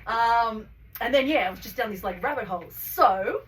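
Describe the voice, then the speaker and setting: A woman's voice: a little high, expressive, moderate pace, a bit bright. Australian woman podcast host, effusive, filler-heavy; recorded off-mic with light background noise. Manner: gushing, rambling, heavy on fillers. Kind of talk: casual chat, guest introduction. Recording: distant mic, faint noise.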